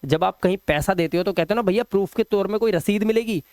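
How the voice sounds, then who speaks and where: A man's voice: sits high, a little mellow, clean tone, dry recording, clean studio sound. Man teaching English sounds. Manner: drills word lists, repeats words slowly; chatty asides to viewers. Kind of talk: spoken English lesson.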